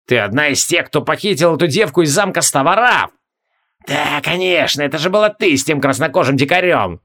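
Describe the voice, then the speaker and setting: A man's voice: fairly high pitch, lively intonation, brisk, fairly bright tone. A man voicing a rude, bored sorceress who has taken over a young princess's body. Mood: recognizing.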